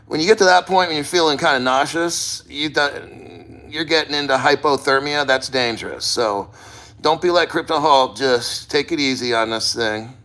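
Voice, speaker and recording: A man speaks casually to his viewers in a bright, forceful voice pitched a little high. He rambles in a plain-spoken way and swears freely. The style is an informal personal vlog. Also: normal speed, poor audio. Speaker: vlogger. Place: sitting in a cold plunge.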